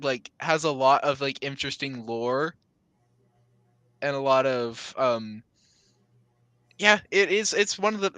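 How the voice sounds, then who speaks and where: Bright, rambling young-sounding man. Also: mid-range voice, smooth, dry recording. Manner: rambling, many fillers and restarts. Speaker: book club member. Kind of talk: casual book discussion.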